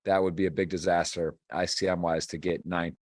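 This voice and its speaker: Low-voiced man calling poker. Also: flat delivery, a little fast, darkish tone. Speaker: poker commentator and stream host. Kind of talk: live poker tournament commentary, conversational.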